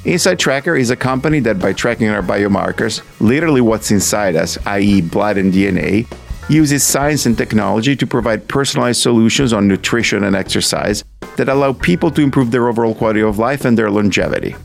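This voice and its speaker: A man hosting a leadership podcast, introducing guests and asking them about their background in a measured, friendly way. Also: on the low side, lively intonation, gravelly, faint music behind. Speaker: podcast host. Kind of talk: podcast interview.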